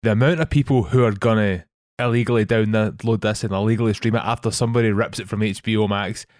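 Man, Scottish accent, young adult, podcast co-host, deadpan, lowish voice, dry recording. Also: quick pace, no room sound. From Scotland. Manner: deadpan, dry humor, repeats words when heated. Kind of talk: casual film podcast chat.

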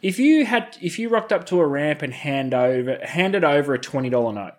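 A man's voice: fairly high pitch, animated, fairly quick. A man with an Australian accent in casual conversation as a co-host, talking in laid-back, colloquial slang. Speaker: podcast co-host. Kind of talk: casual chat.

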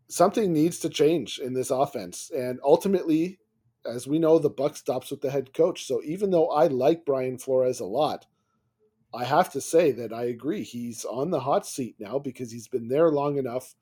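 A man co-hosting a sports podcast, talking in long runs with restarts and getting animated and laughing when riled. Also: medium pitch, normal speed, husky. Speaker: podcast co-host. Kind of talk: casual sports podcast chat.

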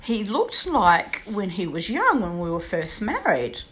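A woman voicing her elderly Polish mother-in-law, soft and affectionate, calling others darling. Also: medium pitch, huge pitch swings, unhurried. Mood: tender. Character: elderly Polish widow, tender and matter-of-fact.

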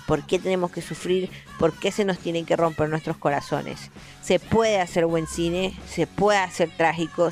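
Emphatic Rioplatense woman reviewing films. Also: lowish voice. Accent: Rioplatense Spanish. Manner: emphatic, repeats phrases for effect; passionate, blunt, swears freely. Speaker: film reviewer. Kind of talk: film review monologue.

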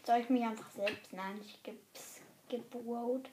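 A woman commenting live on her online game in German, excitable and swearing, often dropping to a whisper. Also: on the high side, slow, background noise. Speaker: gamer.

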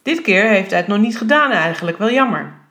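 A woman reading aloud from a novel, voicing a calm male head teacher who speaks in a deliberate, dryly ironic way. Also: medium pitch, close to an everyday voice.

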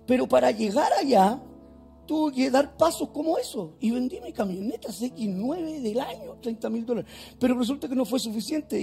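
A man's voice: extremely high pitch, vocal fry, warm tone. A male pastor preaching a fervent sermon in a church, firing off rhetorical questions.

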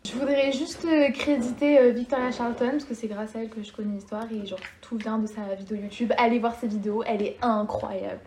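A woman's voice: fairly high pitch, steady tone, brisk, hardly any pauses, darkish tone. A young woman chatting casually with friends, with hesitant fillers. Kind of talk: casual chat among friends.

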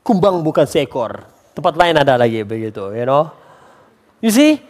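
A man preaching a lively sermon as a pastor, slipping English phrases into his talk. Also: on the high side, moderate pace. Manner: acts out quoted voices for humor.

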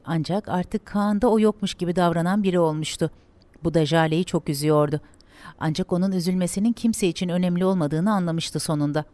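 A woman reading a dramatic story aloud in a steady, measured way. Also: deep voice, dry recording.

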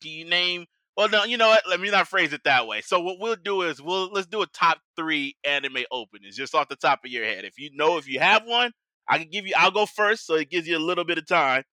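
An American man with a very bright, forceful voice that sits a little high, hosting a podcast. He talks in loose slang with hype-man flourishes, and the sound is close and dry. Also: animated, brisk, no echo, poor audio. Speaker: podcast host. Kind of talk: casual chat.

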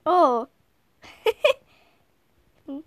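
A high-pitched woman with a slight cold chatters through a game with friends, quick to giggle and squeal. Her voice is bright and excitable, with faint noise in the background. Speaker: gamer playing with friends. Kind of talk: casual gameplay chat.

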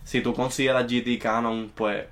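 A man's voice: mid-range voice, little pitch movement, normal speed, a bit bright. A man who can't roll his R, joking around as a podcast co-host and switching between Spanish and English. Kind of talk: casual podcast banter.

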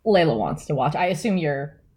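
A woman's voice: deep voice, lively intonation, fairly quick, darkish tone, husky. A woman player describing her character in a tabletop game, rambling with many hesitations. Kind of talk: casual role-play narration.

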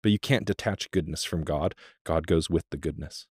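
A man's voice: a bass voice, moderate pace, a little mellow, breathy edge, no echo, studio quality. A man co-hosting a podcast, explaining his thoughts on a book in a thoughtful, casual way. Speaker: podcast co-host.

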